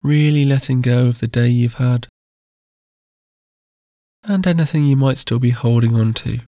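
Male sleep-meditation guide: soft, unhurried, warm and low-key, close and dry. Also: dry recording. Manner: slow, soft and soothing.

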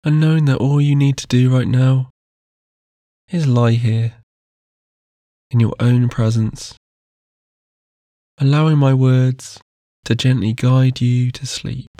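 Male sleep-meditation guide: soft, unhurried, warm and low-key, close and dry. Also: fairly even intonation, no echo. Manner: slow, soft and soothing.

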